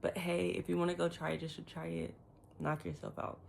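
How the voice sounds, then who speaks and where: Gravelly low-voiced woman, lisping with retainers in. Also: flat delivery, brisk, a little mellow, a little hiss or hum. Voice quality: slightly lisped, muffled articulation from wearing retainers. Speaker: lifestyle vlogger. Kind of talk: casual chatty vlog.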